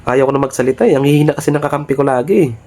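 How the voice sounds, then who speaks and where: A man's voice: medium pitch, racing, warm tone. A young man streaming a mobile game, bossing his teammates, swearing and trash-talking opponents in brash, repetitive calls. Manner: repetitive calls, tag word after most phrases; cocky, mocking laughs. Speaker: gaming streamer. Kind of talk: live mobile game commentary.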